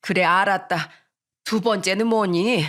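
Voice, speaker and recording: A woman's voice: medium pitch, steady tone, fairly bright tone, close to an everyday voice. Woman voicing a dramatic scolding mother. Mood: yielding. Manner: exasperated wailing, drawn-out complaints. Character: scolding middle-aged mother, dramatic and stubborn. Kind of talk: radio story reading.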